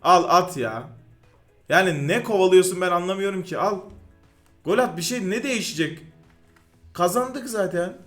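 A man giving live commentary over his own football video game match, excitable and quick to yell in frustration at the game. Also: high voice, faint music behind. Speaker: gaming YouTuber.

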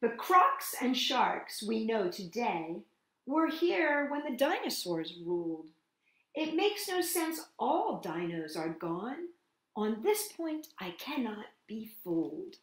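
In a roomy-sounding space, a woman with a slightly high voice and big pitch swings reads a picture book aloud slowly to young children. She performs it expressively, poses questions straight to the kids, and mixes in asides and sing-song greetings.

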